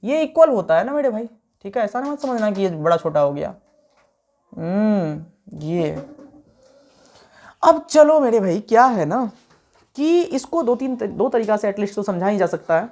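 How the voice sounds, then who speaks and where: Man, physics teacher, online night class, animated and teasing. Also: sits high, normal speed, long pauses. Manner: animated, swings between soft and loud speech; playful, teases students. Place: home at night.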